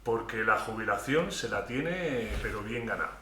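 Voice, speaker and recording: Bright-voiced man hosting a podcast. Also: fairly low pitch, lively intonation, normal speed. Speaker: podcast host. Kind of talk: scripted introduction then casual interview. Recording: echoey room with faint noise.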